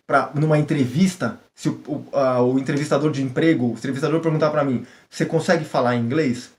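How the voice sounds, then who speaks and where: Chatty Brazilian man teaching English. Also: a little high. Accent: Brazilian Portuguese. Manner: chatty, switches into English for examples, acts out little scenes. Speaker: language-learning vlogger. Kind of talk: casual teaching vlog.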